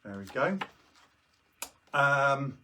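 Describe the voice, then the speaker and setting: A man's voice: medium pitch, lively intonation, drawn-out words, pushed and bright, far from the mic. A British man doing jokey kids' party magician patter, presenting tricks on a live show with casual asides to viewers. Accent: British English.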